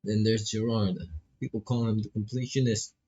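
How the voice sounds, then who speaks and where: A man's voice: fairly low pitch, flat delivery, normal speed, dark tone, husky, lo-fi sound. A man with a Filipino accent commentating a visual novel as he plays, casually reading dialogue aloud with playful asides. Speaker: streamer playing a visual novel. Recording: music behind the voice.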